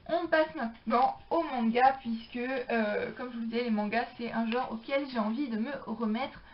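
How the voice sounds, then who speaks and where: A woman's voice: fairly high pitch, moderate pace. A young woman chatting casually about books she borrowed, with many hesitations and fillers. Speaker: book vlogger. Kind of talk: casual book haul chat. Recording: dull lo-fi sound.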